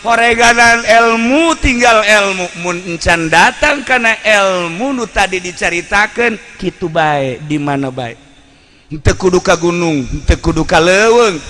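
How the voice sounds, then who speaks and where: An Islamic preacher with a Banten Sundanese accent delivers a Sundanese sermon full of stories, blunt and colloquial, repeating phrases to drive points home. His voice is high, pushed and bright, a little slow. The recording has hall reverb and background noise.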